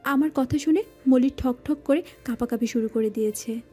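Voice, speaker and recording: High, mellow-voiced woman narrating. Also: normal speed, slightly rough. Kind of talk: first-person story narration. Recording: faint background music.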